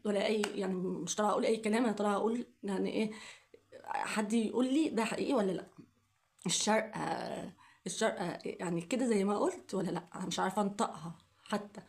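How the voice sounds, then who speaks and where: A woman's voice: mid-range voice, a little mellow. A young woman with an Egyptian Arabic accent, speaking in an emotional personal vlog, upset and pleading, repeating her questions over and over. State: coughing fits, upset. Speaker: vlogger.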